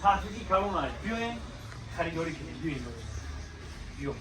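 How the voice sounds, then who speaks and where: Higher-voiced Tajik man hawking like a bazaar merchant. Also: animated. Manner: bazaar merchant's hawking, repetitive calls to come, look and buy. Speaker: shop promoter presenting clothing deals. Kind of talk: spontaneous sales patter on a shop walk-through. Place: inside a large clothing shop. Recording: busy crowd noise around the voice.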